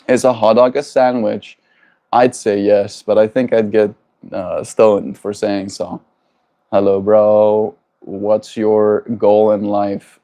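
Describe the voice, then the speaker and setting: A South African man hosts a casual livestream, answering viewers in a reflective way and often finishing his points with tag questions. His voice is mellow and sits on the low side.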